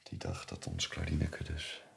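An actor with a Flemish accent playing a troubled man who quietly relives his painful childhood in a stage monologue. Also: animated, normal speed, gravelly, heavily acted. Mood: haunted. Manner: subdued, low, haunted storytelling. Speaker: actor playing the narrator Bernard.

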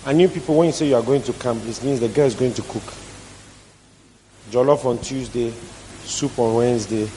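A man's voice: mid-range voice, moderate pace, mellow, slight background noise, rough recording. A man preaching a sermon as a pastor, emphatic and repeating his key phrases.

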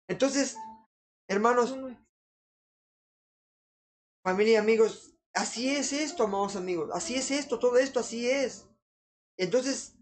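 An earnest preacher delivering a sermon, pleading with the listeners and circling back again and again to the same fond address. The voice sits at a middle pitch, neither high nor low. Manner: repeats "amados amigos" constantly, earnest pleading.

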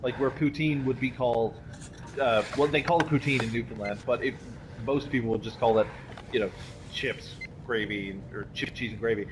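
A man's voice: mid-range voice, steady tone, moderate pace, noisy background. A man who is half Canadian, chatting casually and swearing through jokes while gaming with friends. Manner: crude, swearing joke-teller. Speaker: gamer on voice chat.

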